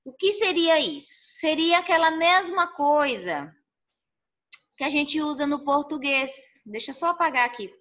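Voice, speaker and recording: A woman's voice: sits high, measured pace, a bit bright. A woman teaching a recorded online lesson, explaining step by step and checking in with her students often. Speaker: Spanish teacher. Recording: muffled lo-fi audio.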